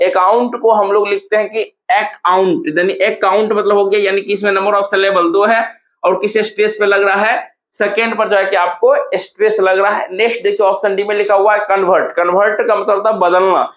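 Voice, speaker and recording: A man's voice: sits high, a bit bright, highs cut off. A man teaching an exam-prep lesson, explaining step by step and asking the class repeated questions.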